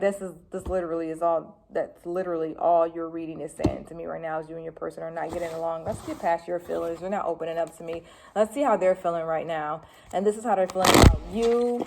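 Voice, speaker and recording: A woman doing a casual tarot reading, talking fast, chatty and blunt with slang. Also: lowish voice, steady tone, creaky, a little mellow, slight background noise. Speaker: tarot reader.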